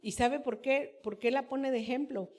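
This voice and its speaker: A woman pastor preaching a fervent sermon at a women's conference, reading Bible verses slowly and building to loud, emphatic passages. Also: high voice. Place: church.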